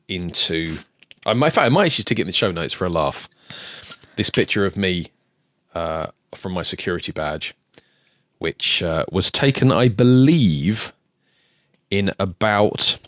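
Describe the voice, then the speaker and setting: With a deep, bright voice and a forceful tone, a podcast co-host in his forties makes casual conversation, rambling hesitantly with many ums and dry humor. There's no room sound.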